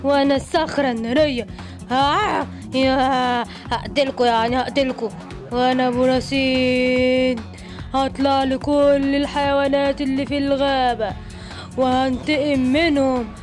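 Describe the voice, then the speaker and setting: Lady doing a big monster gorilla in a cartoon, egyptian accent, loud threats, faint music. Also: sits high, steady tone, moderate pace, natural voice. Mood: menacing. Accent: Egyptian Arabic. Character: menacing female giant gorilla monster.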